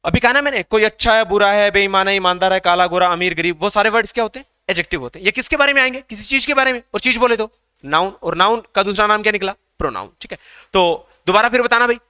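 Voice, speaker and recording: A man gives a grammar lecture in a high, bright voice. His tone is crisp and clear, and the recording is close and dry with almost no room sound. He drills the class by asking questions and answering them himself. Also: fast talker, no room sound. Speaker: English grammar teacher.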